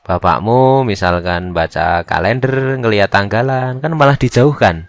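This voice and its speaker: Young male tutor, low voice, dry recording, chatty self-questioning delivery. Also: moderate pace, no room sound. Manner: chatty, asks and answers his own questions, lots of "nah" and "kan gitu". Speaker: physics tutor. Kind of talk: casual whiteboard lesson.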